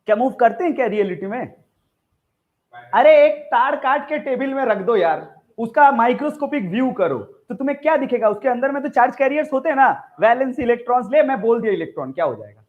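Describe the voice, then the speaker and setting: A man with a very high voice teaches a live physics class. He is chatty and jokey, keeps throwing questions at the students, and the sound is thin and tinny, as if over a phone line. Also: animated, a little fast. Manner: chatty, joking, quizzes the class.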